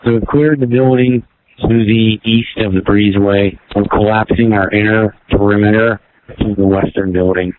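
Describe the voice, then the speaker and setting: A man's voice: on the low side, steady tone, normal speed, no room sound. A male police officer heard over a radio, giving brief, matter-of-fact reports from the field. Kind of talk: radio traffic. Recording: tinny police radio with hiss and clicks.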